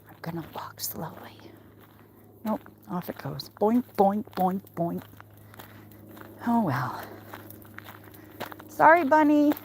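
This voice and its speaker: Her mid-range voice is sing-song and slow, with frequent pauses, as she livestreams while walking around the neighborhood. The chat is casual, playful and rambling with a wry, salty edge, recorded handheld outside amid noise.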